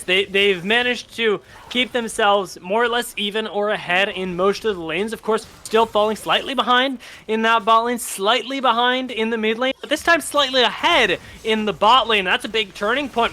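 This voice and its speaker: Man play-by-play caster, very high pitch, bright edge, rapid calls. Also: lively intonation. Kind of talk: live esports play-by-play.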